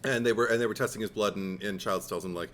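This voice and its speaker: A man with a bright, forceful voice in casual podcast chat about a film. He is animated, quick to agree and laughs often. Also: fairly low pitch, slight background noise. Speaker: podcast co-host.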